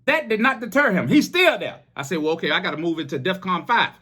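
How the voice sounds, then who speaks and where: A middle-aged man telling a story in a casual, animated way, with plenty of swearing and acted-out dialogue. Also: sits high, fast talker, breathy edge. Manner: animated, profane, acts out dialogue.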